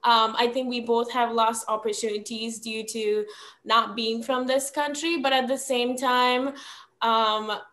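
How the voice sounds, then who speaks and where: A woman's voice: fairly high pitch, steady tone, unhurried, fairly bright tone. Young woman from Sri Lanka, video call. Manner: frequent ums, earnest and reflective. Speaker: podcast guest. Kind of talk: casual conversational storytelling. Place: small room at home.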